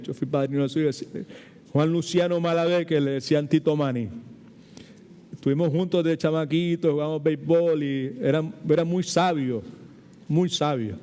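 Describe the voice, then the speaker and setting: A man's voice: a little high, mellow, clean tone, long reverb tail. A man, an older Puerto Rican pastor, teaching a Bible study in a chatty, digressive way and mixing English words into his Puerto Rican Spanish. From Puerto Rico. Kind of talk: informal sermon teaching.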